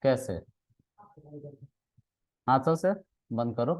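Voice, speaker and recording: A man's voice: medium pitch, very slow, darkish tone. A man teaching a class as their trainer, teasing his students in playful, casual banter and mixing in English words.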